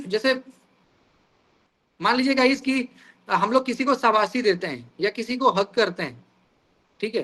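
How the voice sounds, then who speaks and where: Over a video call, a man runs an online exam-prep class, using everyday examples to explain terms. His very high voice sounds bright and forceful, and he keeps addressing the students as "guys".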